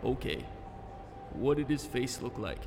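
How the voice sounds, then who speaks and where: A man voicing a calm male investigator who questions a witness formally and in a measured way, in an audio horror story. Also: medium pitch, noisy background. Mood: probing, curt.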